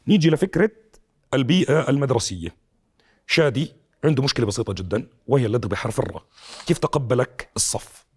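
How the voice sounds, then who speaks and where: A man hosts a TV talk show in Levantine Arabic, speaking very quickly at a medium pitch. He presents and puts questions to guests. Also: animated, darkish tone, breathy edge. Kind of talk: presenting and interviewing. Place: TV studio. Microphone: lapel.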